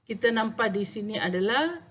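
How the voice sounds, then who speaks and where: A woman with a Malaysian accent teaching a language lesson, patiently repeating each letter sound slowly. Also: a little high, lively intonation, a bit bright.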